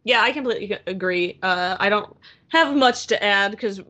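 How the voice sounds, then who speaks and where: A woman guest on a fan podcast, chatting casually and quick to agree and joke. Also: mid-range voice, pushed and bright. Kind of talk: casual chat.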